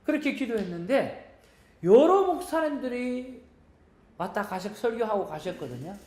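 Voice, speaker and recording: A woman's voice: fairly high pitch, sing-song, normal speed, darkish tone, roomy sound. A woman teaching at a church seminar, telling stories and earnestly urging her audience. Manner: earnest, storytelling, exhorting the audience. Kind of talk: teaching sermon.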